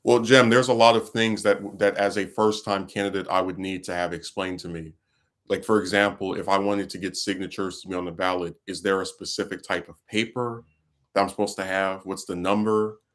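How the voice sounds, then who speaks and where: Here a livestream host airs his frustration over politics in a rambling, casual way, restarting often and leaning on fillers. His voice sits low with a steady, fairly bright tone, moving a little fast.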